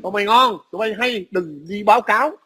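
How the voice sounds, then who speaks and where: High-voiced angry man. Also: fast talker, background noise. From Vietnam. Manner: aggressive, profane, taunting. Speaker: vlogger. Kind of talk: angry ranting video message. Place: his workplace in a city.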